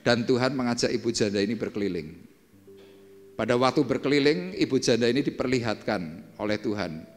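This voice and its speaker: A male pastor preaching a sermon and telling a story dramatically, swinging between hushed and emphatic lines. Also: medium pitch, animated, fairly quick. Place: church service hall. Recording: echoey church hall with faint music.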